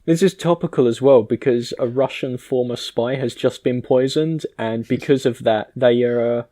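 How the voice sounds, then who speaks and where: A man's voice: mid-range voice, normal speed, dark tone. A man hosting a podcast in casual comedic chat, with a sweary, bantering manner. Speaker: podcast host.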